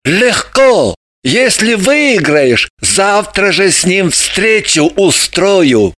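Brash tipsy middle-aged male gamblers, put on by a narrator; coaxing, slow and lively in pitch. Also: no room sound, clean studio sound. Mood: boisterous. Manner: boisterous, coaxing. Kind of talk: audiobook character voices.

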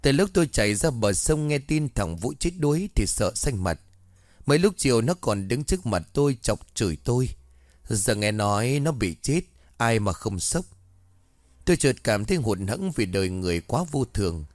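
A man narrating a ghost story in a lively storytelling manner. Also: medium pitch, moderate pace, dry recording, clean studio sound.

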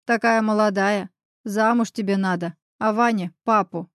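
A woman's voice: mid-range voice, fairly even intonation, moderate pace, no room sound, studio quality, lightly acted. A woman reading an easygoing friendly neighbor man.

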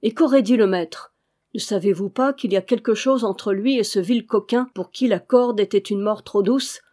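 A woman's voice: mid-range voice, moderate pace, mellow, close to an everyday voice. A woman voicing a huge, burly male outlaw who speaks in a solemn, lecturing way, in an audiobook reading. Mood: sententious.

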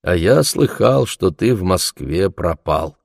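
A man's voice: low voice, lively intonation, creaky, no room sound, clean studio sound, exaggerated voice. A man reading as a frail, weary old shepherd. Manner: slow, weary.

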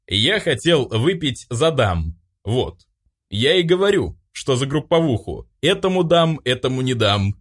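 A man's voice: mid-range voice, very animated, a little slow, slightly rough, pitched above the performer's own voice. A man voicing a rowdy, cheeky drunk young man who slurs through boastful toasts. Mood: tipsy.

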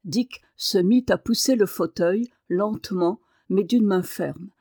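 A woman reading a novel aloud as an audiobook narrator, with measured, expressive narration. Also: medium pitch, vocal fry, husky, no echo, studio quality.

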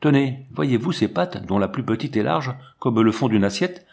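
Man reading as an excitable grieving guide. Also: medium pitch, moderate pace, gravelly, breathy edge. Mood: exclaiming. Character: excitable grieving man guiding soldiers on a lion hunt.

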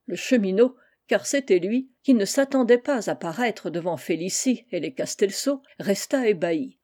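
A woman reading a classic children's novel aloud in a measured audiobook narration. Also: medium pitch, expressive, mellow. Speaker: reader.

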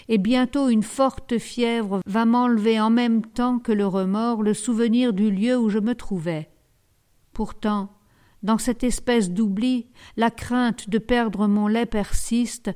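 A woman narrating a novel in the first person as an audiobook, in a measured, sober way. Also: a little high, a little mellow, smooth.

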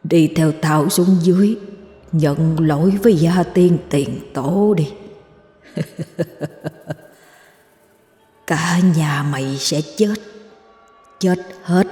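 A woman voicing the vengeful ghost of a murdered man, bitter and cold, speaking in a menacing low hiss with eerie laughs. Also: warm tone, echoey room, in a large hall.

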